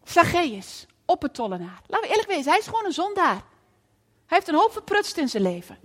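In a church, a woman preacher delivers a lively, story-driven sermon and often puts questions to the audience. Her voice is very high, her pace a little fast, and the sound has a big-room quality.

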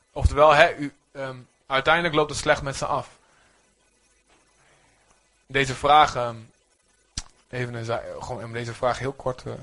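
A man preaching a sermon to a congregation, animated and calling for amens. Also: mid-range voice. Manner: animated, rising to near-shouts when voicing prayers; speaks to the congregation, asks for amens. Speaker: pastor.

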